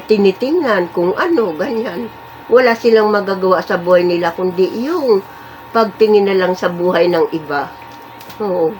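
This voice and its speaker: A woman's voice: fairly low pitch, slight background noise, poor audio. A woman in her eighties chatting casually as a vlogger. She rambles and stresses her points, often stopping to affirm what she just said. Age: 80s. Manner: chatty, rambling, emphatic, repeats and affirms with fillers. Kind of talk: casual chat.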